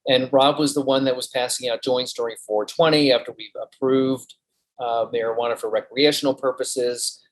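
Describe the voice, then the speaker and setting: A man's voice: mid-range voice, fairly even intonation, normal speed, poor audio. A man, a physician guest in an interview, speaking steadily and listing figures methodically. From Colorado.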